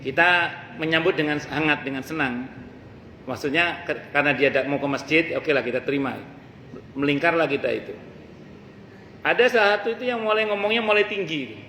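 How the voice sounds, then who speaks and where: A man gives a mosque study sermon, telling stories with jokes and acting out the people he quotes. His voice sits somewhat high for a man. It rings through a large echoey hall over a faint hum. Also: fairly quick, long pauses, bright, forceful tone. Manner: humorous storytelling, acts out quoted speakers. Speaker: preacher teaching a study circle.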